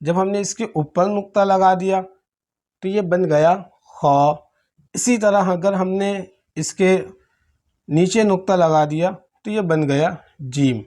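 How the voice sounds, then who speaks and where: A man teaching Arabic letters for Quran reading, explaining patiently step by step and often clearing his throat. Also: high-pitched, darkish tone. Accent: Pakistani Urdu. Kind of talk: slow classroom-style letter teaching.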